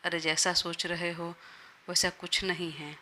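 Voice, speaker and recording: A woman takes on a short-tempered young boss in a storybook audio drama. He sounds gruff and scolding. His voice sits low, bright and flat, with a faint hiss behind it. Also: measured pace. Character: irritable young male boss.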